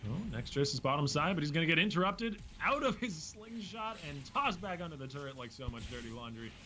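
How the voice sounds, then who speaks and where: A man casting an esports match, giving quick play-by-play with wry jokes. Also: fairly high pitch, expressive. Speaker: esports caster. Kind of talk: play-by-play commentary.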